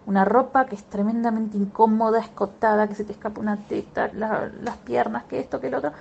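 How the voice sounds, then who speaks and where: Woman therapist, Rioplatense accent, mellow voice, emphatic and direct, faint noise behind. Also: on the high side, fairly even intonation, brisk, gravelly, dull audio. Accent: Rioplatense Spanish. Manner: emphatic, repetitive, addresses listeners directly. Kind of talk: explanatory talk.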